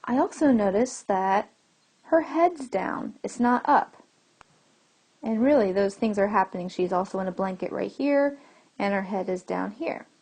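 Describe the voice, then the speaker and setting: A woman's voice: medium pitch, animated, unhurried, darkish tone, breathy edge. A woman teacher giving a recorded lesson to children, explaining patiently and asking the class questions as she goes.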